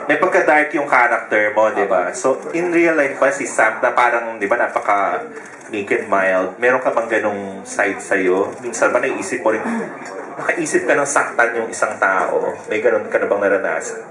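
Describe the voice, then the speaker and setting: A man's voice: on the low side, moderate pace. A man with a Filipino accent questioning celebrities at a press conference, firing probing questions in mixed Filipino and English. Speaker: entertainment reporter. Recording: roomy hall with crowd noise.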